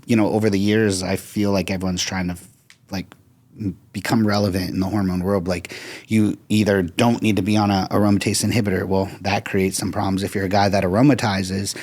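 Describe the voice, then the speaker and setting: Very deep-voiced man, co-host, emphatic and opinionated. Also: level tone, fairly quick, darkish tone. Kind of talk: casual chat.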